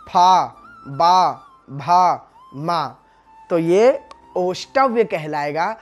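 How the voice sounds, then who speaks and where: A male religious teacher giving a devotional discourse, addressing the listeners as friends and sounding out syllables one by one to make his point. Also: fairly high pitch. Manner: explains Hindi sounds by voicing each syllable; addresses the audience as friends, asks rhetorical questions.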